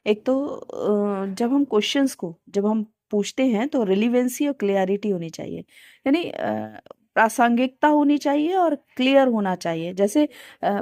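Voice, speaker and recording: A woman's voice: medium pitch, a little mellow, no room sound, clean studio sound. A woman teacher educator with an Indian Hindi accent, explaining teaching skills in a casual spoken lesson, with many fillers and English terms mixed in.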